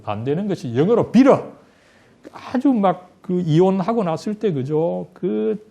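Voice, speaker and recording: Lively, mellow-voiced Korean male teacher. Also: fairly high pitch. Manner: conversational, tag question after nearly every sentence. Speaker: Bible study teacher.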